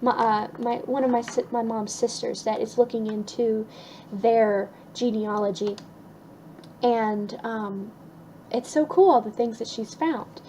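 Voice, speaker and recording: A woman's voice: on the high side, fairly even intonation, unhurried, warm tone, slight background noise, rough recording. A young woman chatting casually through a list of her favorite things, upbeat with lots of ums and restarts. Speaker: vlogger.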